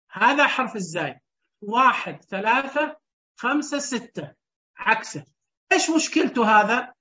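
A woman's voice: on the high side, a bit bright. Woman teaching Braille, muffled. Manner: explains step by step, counts dots aloud, checks in with the class. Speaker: Braille instructor. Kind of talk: online class lecture.

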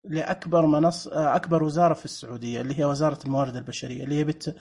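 A lecturer delivers a lively slide presentation. The voice sits at a middle pitch with a husky, breathy texture, and the delivery is emphatic and animated, with repeated rhetorical questions to the audience. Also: rapid-fire.

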